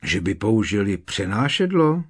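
A man's voice: fairly low pitch, very animated, breathy edge. A man reading the lines of a curious teenage schoolboy wizard in an audiobook, in a light speculative tone.

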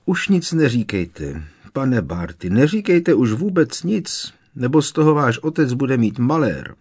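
A man's voice: medium pitch, very animated, a little mellow, husky, voice pushed up. A man voicing a frantic female house-elf servant who shrieks and pleads. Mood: frantic pleading. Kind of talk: audiobook character voice.

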